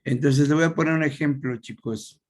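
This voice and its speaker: A man teaches an online class in a medium-pitched voice at a moderate pace, picked up by a computer microphone on a video call. He is patient and frequently checks that his students are following.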